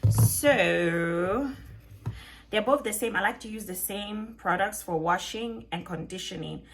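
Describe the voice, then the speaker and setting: Unhurried and medium in pitch, a woman in her thirties vlogs at home, detangling her hair as she chats and jokes to the camera. Her accent combines Ghanaian, Italian, British and American elements, and she laughs often and keeps asking viewers questions.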